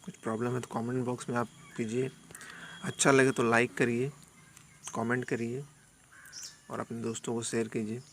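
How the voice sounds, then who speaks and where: Gravelly male teacher explaining a text. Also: mid-range voice, level tone, a bit bright, a little hiss or hum. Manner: reads English text slowly, then explains in casual Hindi. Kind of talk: classroom lesson explanation.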